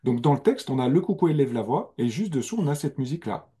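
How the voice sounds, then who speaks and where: A man giving a music lesson, explaining slowly and carefully over recorded music. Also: medium pitch, expressive. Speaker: music teacher.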